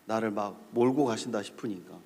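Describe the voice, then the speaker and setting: A man preaching a storytelling sermon at a church camp, talking straight to the audience in an animated way. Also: lowish voice, brisk, husky. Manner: animated, addresses the audience directly. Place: large hall at a church camp. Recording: long hall reverb.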